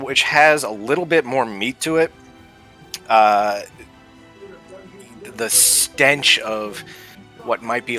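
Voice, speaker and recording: A man's voice: mid-range voice, pushed and bright. A man narrating a tabletop game as its game master, casually and with many hesitant fillers. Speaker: dungeon master.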